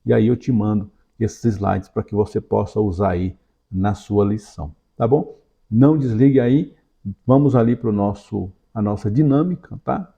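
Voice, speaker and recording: Dark-voiced pastor teaching. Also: male voice, creaky, echoey room, dull audio. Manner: explains step by step, checks in with "tá?" and "ok?"; raises pitch in rhythmic command when casting out. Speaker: pastor and Sunday school teacher. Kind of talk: Bible lesson with a hands-on demonstration.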